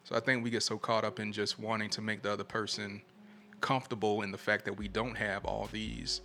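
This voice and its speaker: A man talking reflectively and casually in a soft-spoken way. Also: lowish voice, little pitch movement, fairly quick, a little hiss or hum.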